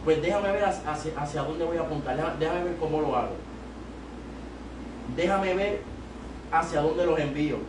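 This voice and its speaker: Speaking with a Puerto Rican Spanish accent, a young preacher from Puerto Rico exhorts the youth service from a small church's pulpit, handheld mic raised, his delivery swelling to loud, emphatic highs. The voice is on the high side, at a moderate pace with frequent pauses. The clip comes from a far-off camera in an echoey room, with plenty of noise.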